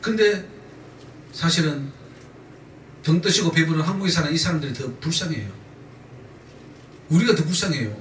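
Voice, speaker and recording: With a fairly high-pitched voice, a male pastor preaches using emphatic repetition and draws the congregation into call-and-response. The echoey church recording comes from a distant mic and has a little hiss or hum.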